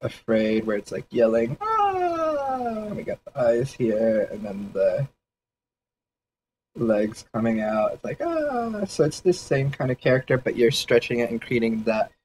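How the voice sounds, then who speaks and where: A man's voice: lowish voice, moderate pace, a little mellow, slight background noise, rough recording. Man thinking aloud while sketching. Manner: rambling, hedging with "kind of" and "um". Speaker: 3D artist streaming a sketch session. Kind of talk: casual livestream thinking aloud.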